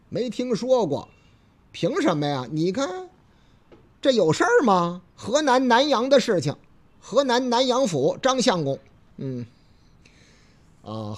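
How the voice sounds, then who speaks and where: Male news storyteller, high voice, animated and jokey. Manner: chatty, joking, playful asides. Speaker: news commentator.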